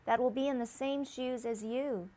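A woman hosting a talk show, interviewing conversationally in an affirming, halting way and restating phrases for emphasis. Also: a little high, fairly even intonation, dark tone.

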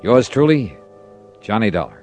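In an old radio broadcast with music, a man with a lowish, sing-song voice speaks at normal speed. He narrates and plays a hard-boiled insurance detective in a 1950s radio drama, terse and matter-of-fact.

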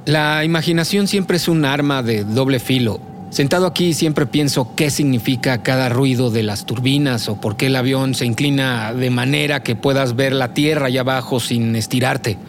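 A man's voice: mid-range voice, moderate pace, slight background noise, natural voice. A man acting in an audio drama as an anxious, polite, imaginative writer. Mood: anxious musing.

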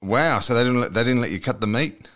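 A man's voice: medium pitch, fairly quick, a bit bright. An Australian man hosting a sports show in a casual, matey way, often repeating himself for emphasis. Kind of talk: casual, chatty interviewing.

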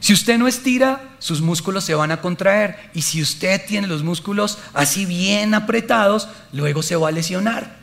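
A man voicing God as a calm, gentle male voice speaking softly in a sermon story. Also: moderate pace, creaky, heavily acted. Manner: soft, low, coaxing.

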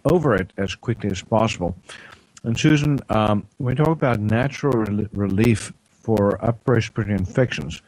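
A man hosting a radio health show, talking in a loose, rambling way with lots of fillers and frequent throat clearing. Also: fairly low pitch, a little mellow, dry recording, poor audio. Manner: rambling, many fillers and restarts. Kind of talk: casual health talk on air. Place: radio studio.

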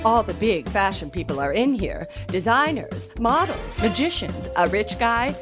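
A woman's voice: medium pitch, expressive, a little slow, close to an everyday voice. A woman voicing a bossy, self-important female cartoon fashion boss, pompous and dismissive. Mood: commanding. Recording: music behind. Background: cartoon score.

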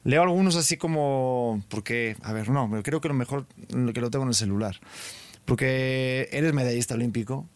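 Casting: Spanish-accented male podcast host, playful and teasing, mid-pitched, dry studio sound. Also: moderate pace, no echo. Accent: Spanish from Spain. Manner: playful, laughs often, reads notes aloud. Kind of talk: casual interview chat.

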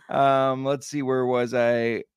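A man's voice: mid-range voice, level tone, slow, clean tone, no echo. Easygoing man, dry close mic. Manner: easygoing, reads listener questions, self-correcting. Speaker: podcast co-host. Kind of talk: casual fantasy football chat.

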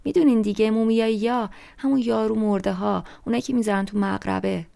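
A woman's voice: mid-range voice, steady tone, creaky, mellow, no room sound. A woman voicing a cheeky little boy who keeps asking questions eagerly in an audiobook. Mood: insistent.

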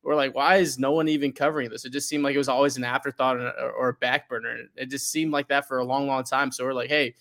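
A man of middle pitch talks as a guest in a relaxed podcast chat. He speaks earnestly but haltingly, often restarting and repeating words before he finds his point. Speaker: podcast guest, fan media creator. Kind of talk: casual podcast interview.

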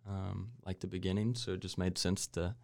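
Deep-voiced easygoing man. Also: level tone, gravelly, dry recording, studio quality. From Waco, Texas. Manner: easygoing, pausing with fillers. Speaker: guest, painter. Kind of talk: casual interview chat.

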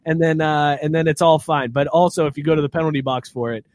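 A man's voice: on the high side, fairly even intonation, fast talker, darkish tone. A man hosting a casual sports podcast, joking and laughing often as he leads the topics. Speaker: podcast host.

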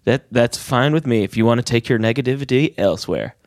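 A man's voice: mid-range voice, expressive, fast, a little mellow, no room sound, clean studio sound, lightly acted. A man improvising a prim, evasive daycare manager who turns flustered and defensive. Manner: flustered, defensive, falsely polite. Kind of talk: improv sketch.

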